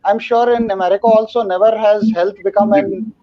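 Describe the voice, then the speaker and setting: High-voiced man, emphatic, muffled call. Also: fairly even intonation, brisk. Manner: emphatic, lecturing. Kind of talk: online panel discussion.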